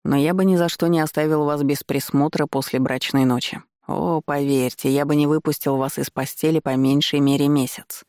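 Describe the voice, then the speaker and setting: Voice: medium pitch, fairly even intonation, moderate pace, few pauses, a little mellow, no room sound, studio quality, natural voice. Чтец изображает насмешливого лэрда-соблазнителя. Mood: насмешливый. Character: насмешливый обаятельный молодой лэрд-мерзавец. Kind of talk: чтение аудиокниги по ролям.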